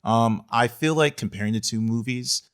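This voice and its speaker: A man co-hosts a podcast, chatting casually about films. His voice has a medium pitch and a clean tone, and he speaks at a moderate pace.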